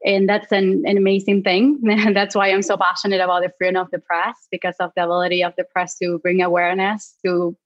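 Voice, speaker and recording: A woman's voice: lowish voice, flat delivery, brisk, few pauses, no room sound. Woman from Argentina, Spanish native speaker, chatty and filler-heavy, dry muffled recording. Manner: chatty, many fillers, laughs lightly. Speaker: clinical psychologist guest. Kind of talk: casual interview answers.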